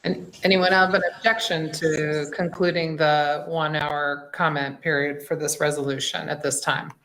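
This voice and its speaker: A woman's voice: low-pitched, little pitch movement, moderate pace, a bit bright. A woman mayor chairing a council meeting, procedural and a little hesitant.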